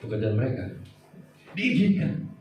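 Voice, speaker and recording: A man preaching a sermon as pastor, swinging from low murmurs to high shouted outbursts. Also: big pitch swings, moderate pace, muffled recording. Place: church hall. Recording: echoey church hall, preacher far from mic.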